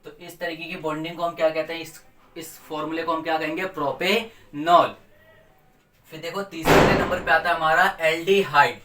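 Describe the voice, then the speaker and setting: A male teacher runs a chemistry revision in a slightly higher voice, playful and quizzing the class as he answers his own questions. His sound carries the echo of a roomy space and comes from a few steps away from the mic. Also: steady tone, normal speed, heavy background noise. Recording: echoey room, mic at a distance.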